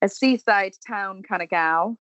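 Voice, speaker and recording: As a podcast guest, a Welsh woman in her thirties who speaks Welsh and has a Welsh accent chats warmly and casually about acting and singing. Her mid-range voice is unhurried, her stories full of ums and restarts, on lo-fi audio with no room sound.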